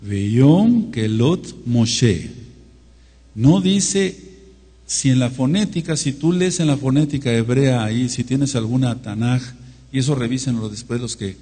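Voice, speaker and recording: A male preacher leads a scripture study in an emphatic, drawn-out way and breaks off often to address his listeners. His voice is mellow and slightly husky. It rings with the long reverb of a large hall. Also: medium pitch. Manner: emphatic, drawn-out teaching with frequent asides. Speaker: teacher of a Torah study. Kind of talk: Bible study sermon.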